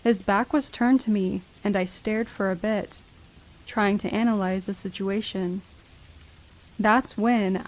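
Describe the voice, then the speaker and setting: Give a woman narrator reading true horror stories from a script. Her voice sits at an average pitch for a woman, and she tells each account in the first person as a storyteller would. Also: a little mellow, poor audio.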